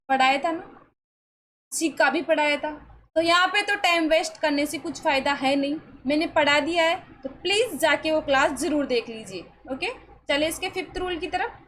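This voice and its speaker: Woman teacher w a high voice, keeps quizzing the class and answering herself, coaxing. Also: fairly bright tone, low-quality recording. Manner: asks the class questions and answers them herself; coaxing, reassuring. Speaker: English pronunciation teacher. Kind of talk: online classroom lesson.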